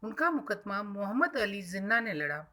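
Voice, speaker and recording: A woman's voice: medium pitch, big pitch swings, normal speed, sharp tone. A woman school teacher explaining a textbook chapter to children, defining hard words simply and repeating herself as she goes.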